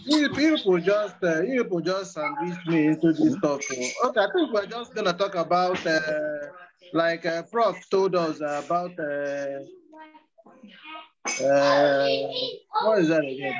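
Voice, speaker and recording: A man's voice: fairly high pitch, a little slow, a loud crowd. A man with a Nigerian accent gives an informal, hesitant, joking off-the-cuff speech over an online call. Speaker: class association president. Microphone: online video call. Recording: muffled online call audio.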